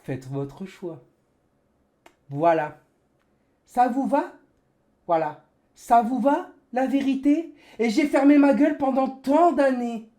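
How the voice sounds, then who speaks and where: A man's voice: very high-pitched, animated, takes it slowly, pauses often, dark tone. A man livestreaming an angry gamer rant, indignant and sarcastic, hammering phrases with emphatic repetition. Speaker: livestreamer, sim racing gamer.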